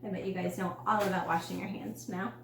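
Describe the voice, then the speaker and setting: A woman's voice: fairly low pitch, fairly even intonation, fast talker, gravelly. A woman reading a picture book aloud to children and chatting casually as a dental educator. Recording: roomy room with faint hum.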